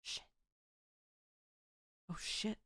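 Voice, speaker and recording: A woman's voice: extremely slow, pushed and bright, no echo. A woman streaming a game with casual, playful, wry and sweary commentary, music behind her. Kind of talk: casual play-along commentary.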